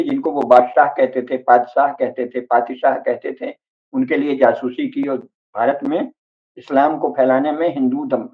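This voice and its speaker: Man lecturing over tinny, phone-like audio. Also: mid-range voice. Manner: emphatic and didactic, listing names, asks "है ना?". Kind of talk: religious discourse.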